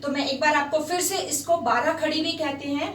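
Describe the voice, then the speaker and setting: High-pitched lady teaching hindi, slow and patient, faint hiss behind. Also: steady tone, fairly bright tone. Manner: patient, repeats sounds slowly and switches into English. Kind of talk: slow spoken language lesson. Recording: echoey room, voice a bit far from the mic, faint hiss.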